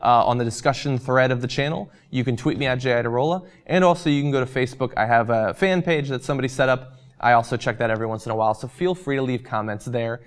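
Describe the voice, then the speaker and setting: A man's voice: medium pitch, quick pace, few pauses. A young man hosting a show and chatting casually through viewer comments, losing his voice, with frequent ums and uhs. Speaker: host.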